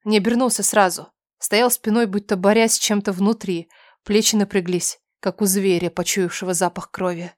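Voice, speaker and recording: A woman reading a first-person story aloud with a tense, emotional and often softened delivery. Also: mid-range voice, steady tone, moderate pace, no room sound, studio quality. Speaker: audiobook narrator.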